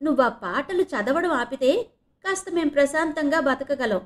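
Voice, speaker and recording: A woman's voice: high-pitched, expressive, normal speed, voice pushed up. A woman voicing an irritated young female student in an audio novel reading, grumbling and exasperated.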